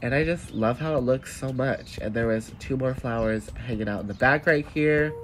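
Congested from a cold, a twenty-something man gives an upbeat, talkative voice-over tour of garden plants for his plant vlog, set in an indoor room with plants. His voice is mid-range at a moderate pace, and the recording is rough.

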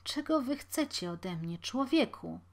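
A woman voicing a poor, exhausted man who speaks quietly and pleadingly. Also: on the high side, very animated, unhurried, voice pushed up. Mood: weary. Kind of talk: audiobook character voice.

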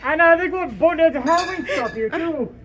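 Lady in a pirate fursuit, high voice, lots of uhs and yarrs, filmed on a camera in a drugstore. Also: animated, fairly quick, rough recording. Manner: rambling with frequent filler sounds and pirate interjections. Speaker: fursuiting vlogger in pirate costume. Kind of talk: playful pirate-themed vlog chat. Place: inside a drugstore.

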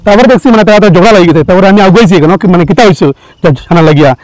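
High-pitched, hurried eyewitness. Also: male voice, a little mellow, no echo, poor audio. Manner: hurried, with frequent restarts and fillers. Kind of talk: spoken account to camera.

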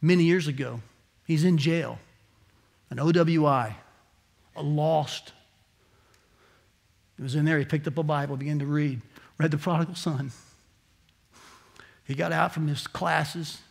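A male pastor preaching a direct sermon in a church, moving between quiet asides and shouted emphasis. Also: on the high side, fairly even intonation, unhurried, creaky, long pauses. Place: church sanctuary.

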